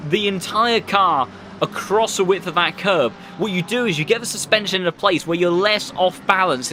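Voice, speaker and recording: A man's voice: high voice, sharp tone, slight background noise. A man commentating live on a motor race as a motorsport commentator, with flowing, descriptive play-by-play and colourful turns of phrase.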